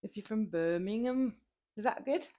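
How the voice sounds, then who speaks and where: This fitness streamer is a young woman with a southern English accent and a warm, mid-range voice at a moderate pace. While she lifts weights, she talks casually to her viewers, rambling along and laughing a lot. She comes from southern England.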